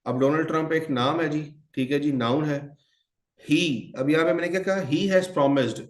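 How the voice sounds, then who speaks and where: A man's voice: fairly high pitch, steady tone, normal speed, echoey room. A man teaching English grammar in a mix of Hindi-Urdu and English, calling his students children and quizzing them. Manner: addresses students as children, asks and answers his own questions. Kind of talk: online exam-prep lecture.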